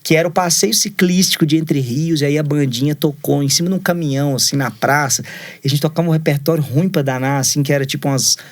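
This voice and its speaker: A man's voice: on the high side, fairly even intonation, fast. Rambling Brazilian man telling stories. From Brazil, raised in Minas Gerais. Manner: rambling storyteller, fills every phrase with "né" and "assim". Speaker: musician guest. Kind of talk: casual interview chat.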